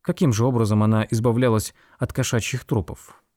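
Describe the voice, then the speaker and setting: A man voicing a curious, quick-witted young woman in an audiobook, speaking in an eager, questioning way. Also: medium pitch, fairly even intonation, darkish tone, dry recording, studio quality, close to an everyday voice.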